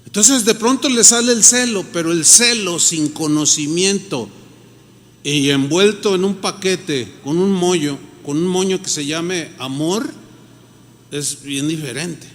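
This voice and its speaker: A man's voice: high-pitched, unhurried, a bit bright, big-room sound. A Mexican man, a pastor, preaching a sermon in a conversational way and acting out the people he quotes.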